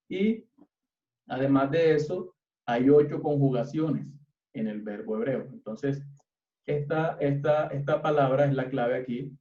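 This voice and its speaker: A man's voice: medium pitch, warm tone. A man with a Colombian accent preaching to a youth service, patiently explaining Hebrew words letter by letter in a teaching sermon. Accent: Colombian Spanish. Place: church hall. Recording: roomy, distant, dull church recording.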